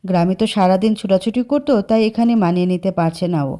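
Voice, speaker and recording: A woman voicing a gentle, worried middle-aged mother in a dramatized story reading. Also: medium pitch, fast talker, natural voice.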